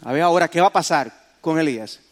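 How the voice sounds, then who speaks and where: A man with a notably high voice delivers a sermon. His preaching is dramatic, and his voice swells to loud exclamations. He turns to the congregation with direct questions. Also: fast.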